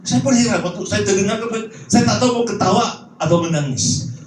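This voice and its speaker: A man preaching a sermon, animated and joking, with strings of rhetorical questions. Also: high-pitched, brisk, a little hiss or hum. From Malaysia. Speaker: pastor. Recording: roomy hall, distant mic.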